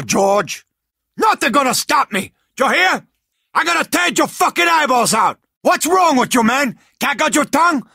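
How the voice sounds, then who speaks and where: A male actor voices a hot-tempered, vengeful gangster drug lord in a video game, using a Cuban accent and a raspy voice to hurl profane, threatening taunts. The full character voice is extremely high-pitched, bright and forceful, recorded dry with clean studio sound.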